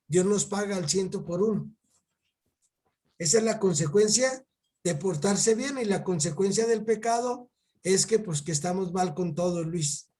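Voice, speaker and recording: High-voiced Mexican man teaching haltingly. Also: mellow. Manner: halting, repeats words, keeps calling the pupil by name. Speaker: catechist teaching a child.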